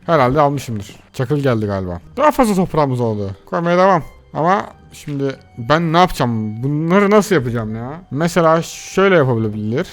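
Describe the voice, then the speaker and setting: A young man hosting a let's play video, excitably chattering to his viewers while he plays. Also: mid-range voice. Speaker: gaming channel host.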